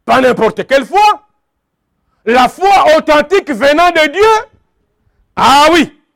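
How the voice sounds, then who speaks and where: A man's voice: extremely high pitch, very animated, measured pace, vocal fry, fairly bright tone, no room sound, studio quality. A man preaching a sermon, emphatic and repetitive, calling out to his congregation. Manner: emphatic, repeats phrases, calls out to the congregation.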